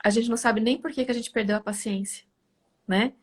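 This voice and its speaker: A woman's voice: fairly high pitch, fairly quick. A middle-aged woman hosting a live talk, chatting casually and acting out family conversations with animation. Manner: animated, acts out family dialogue. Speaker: live host.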